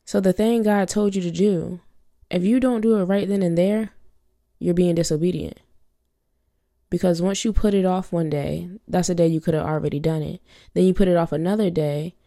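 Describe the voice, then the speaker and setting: A young woman with a cold hosts a faith-based podcast, her voice low-leaning and dark, recorded at studio quality with no echo. She teaches earnestly in a preachy style, sounding congested and repeating her key phrases.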